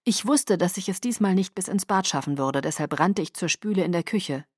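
Low-voiced woman reading an audiobook. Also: brisk, husky, dry recording, clean studio sound. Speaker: audiobook narrator. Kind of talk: first-person audiobook narration.

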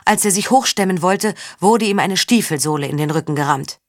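Woman narrating a dark audiobook, dry sound. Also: on the low side, lively intonation, brisk, no room sound. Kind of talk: scripted narration.

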